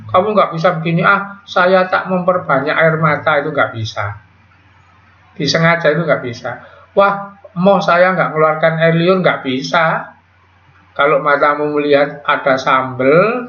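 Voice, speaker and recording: A man teaching biology to a class, quizzing students with quick call-and-response questions in a casual manner. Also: fairly high pitch. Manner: casual, with Javanese slang words. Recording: echoey, dull lo-fi classroom audio.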